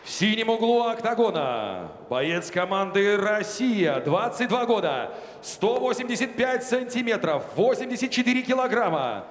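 A male ring announcer introduces fighters in a big echoing arena, his voice pitched high and swinging widely. He talks slowly, stretching each name into a booming call. The long reverb of the hall hangs behind him. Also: sing-song, a little hiss or hum. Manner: drawn-out booming name calls.

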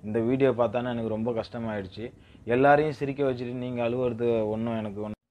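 A man consoling a friend in a steady, reassuring way. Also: medium pitch, fast, slight background noise. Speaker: supportive fan. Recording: tinny phone-like recording.

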